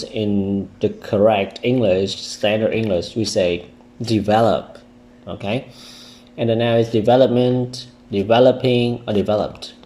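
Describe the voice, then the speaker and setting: A man with a Vietnamese accent teaching English vocabulary, slowly repeating words to drill their stress. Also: lowish voice, mellow. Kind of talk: vocabulary lesson with pronunciation drills.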